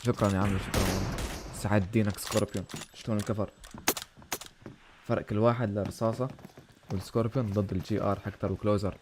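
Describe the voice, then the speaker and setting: A man commentating his own game on a live stream, excitable, shouting at big plays and thanking donors warmly. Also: on the low side, racing, long pauses, background noise. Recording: game gunfire and music behind.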